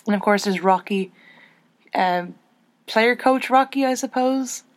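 A young woman hosts her podcast in easygoing, casual chat. She is chatty and self-deprecating, and her voice jumps up in pitch when she gets excited. The sound is dry and close, with no room in it. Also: a little slow, no echo. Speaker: podcast host.

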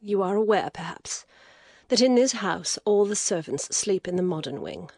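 A woman voicing a weary, proud young noblewoman in an audiobook, speaking in a hushed, whispery way. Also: medium pitch, animated, normal speed, no room sound, pitched above the performer's own voice. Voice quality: breathy, whispery. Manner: hushed and tired, rising to bitter outrage. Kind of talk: audiobook character voice.

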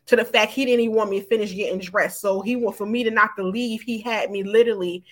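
A woman's voice: mid-range voice, steady tone, fast. A woman in her forties, a podcast guest, frankly telling her own story in loose, informal speech with many fillers. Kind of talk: candid personal storytelling.

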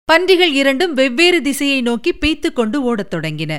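A woman narrating an audiobook of a historical novel in an even, measured storytelling manner. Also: sits high.

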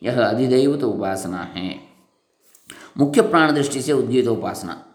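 Slow, measured man reading scripture. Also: mid-range voice, animated, reverberant. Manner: measured, chanting Sanskrit verses then plain explanation. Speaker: scripture reader. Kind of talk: slow recitation and translation of scripture.

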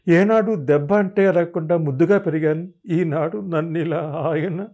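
Man putting on a young bride's voice, tearful, raised pitch, storybook narration. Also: moderate pace, mellow. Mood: indignant. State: crying. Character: young new bride, hurt and indignant. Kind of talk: audiobook reading.

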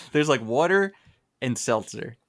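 A man's voice: medium pitch, animated, slow pace, fairly bright tone. A man in casual group chat, talking in a jokey way.

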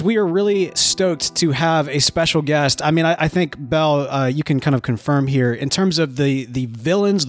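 A tenor-voiced man hosts a podcast with eager, geeky enthusiasm. His voice sits fairly high for a man. The recording is dry and close. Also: no room sound. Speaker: podcast host. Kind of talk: podcast interview and intro.

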